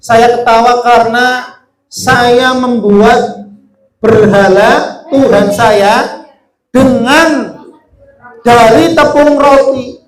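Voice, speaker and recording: A remorseful convert laughing at how foolish he once was, as a male teacher voices him. The voice sits very high, with a lilt, and echoes around the room. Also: drawn-out words, pauses often, full character voice. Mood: rueful. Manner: self-mocking, storytelling. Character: remorseful early convert mocking his own past folly.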